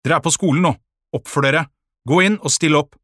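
A man's voice: mid-range voice, no echo, clean studio sound, voice pushed up, lightly acted. A man voicing a strict, authoritarian male schoolteacher in an audiobook, giving cold barked commands. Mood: barking. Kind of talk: audiobook character voice.

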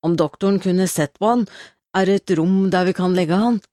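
Woman reading a shaken rough country man. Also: lowish voice, mellow, no room sound, clean studio sound, close to an everyday voice. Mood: helpless. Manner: mumbling, unsure.

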